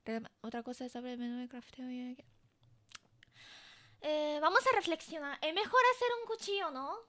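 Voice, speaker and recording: A woman streaming a game and chatting casually with her viewers, excitable and laughing often. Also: sits high, moderate pace. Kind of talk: casual live-stream chat while gaming.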